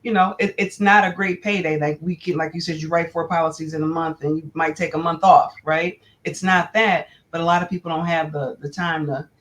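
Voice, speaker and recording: A woman speaking as a guest in a casual panel discussion, measured and earnest. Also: low-pitched, fairly even intonation, a bit bright.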